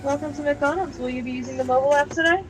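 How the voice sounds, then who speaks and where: A woman working a drive-thru, heard through the intercom speaker and speaking in brisk, routine service phrases. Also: high voice, steady tone, a little hiss or hum, poor audio.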